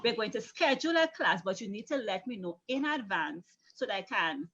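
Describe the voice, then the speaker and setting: A woman's voice: medium pitch, expressive, a little fast, muffled recording, a crowd in the background. A woman, a schoolteacher explaining things conversationally in an interview, emphatic and often repeating phrases. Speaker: secondary school teacher being interviewed.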